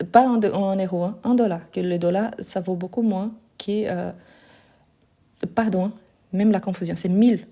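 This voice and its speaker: Woman teacher, Lyon accent, mellow tone, slow and careful delivery for learners. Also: medium pitch. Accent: Lyon French. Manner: slow, deliberate, exasperated asides. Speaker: French teacher. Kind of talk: live-streamed language lesson.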